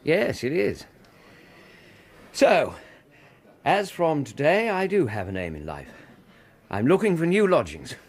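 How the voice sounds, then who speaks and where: An actor playing a war-weary, irritable but curious Victorian English army doctor in a British radio drama. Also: male voice, fairly high pitch, big pitch swings, slow pace, long pauses, slightly rough, exaggerated voice. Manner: well-spoken, old-fashioned gentlemanly speech.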